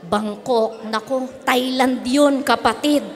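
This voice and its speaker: A woman's voice: sits high, slow. A woman with a Filipino accent preaching an interactive sermon to young people, teasing and quizzing her listeners. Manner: playful, teasing, quizzes the audience. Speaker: youth pastor. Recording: long hall reverb.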